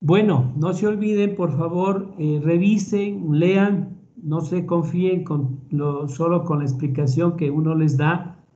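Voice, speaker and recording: A man with an Ecuadorian Spanish accent giving a recorded medical lecture in a measured, explanatory way, often repeating words as he thinks. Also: fairly high pitch, fairly even intonation, warm tone, muffled recording.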